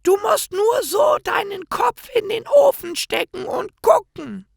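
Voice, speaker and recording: A man doing a shrill wicked old witch. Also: very animated, vocal fry, no room sound, full character voice. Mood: harsh scolding. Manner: high falsetto, drawn-out and sneering. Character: wicked old female witch, sly then cruel.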